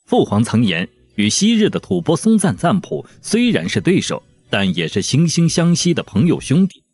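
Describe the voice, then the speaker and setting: A man voicing a composed young prince who speaks as envoy in forceful, measured, formal sentences. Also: on the high side, very animated, breathy edge, no echo, voice pushed up, exaggerated voice. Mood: firm formal.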